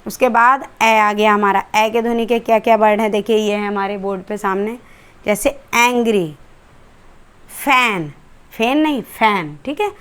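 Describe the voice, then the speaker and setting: A woman's voice: mid-range voice, normal speed, clear, resonant tone. A woman English teacher with an Indian accent, explaining letter sounds step by step in a classroom-style lesson and asking rhetorical questions as she goes.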